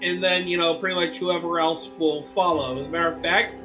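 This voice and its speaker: A man's voice: on the high side, steady tone, a little fast, over music, rough recording. A man playing a tabletop game, casually narrating his character's moves in a hesitant, repeating way. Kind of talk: casual role-play narration and chat.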